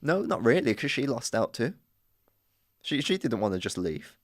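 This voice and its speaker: A man's voice: medium pitch, big pitch swings, normal speed, no echo, studio quality. A young man co-hosting a podcast, teasing and laughing as he argues in casual chat. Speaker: podcast co-host. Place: podcast studio.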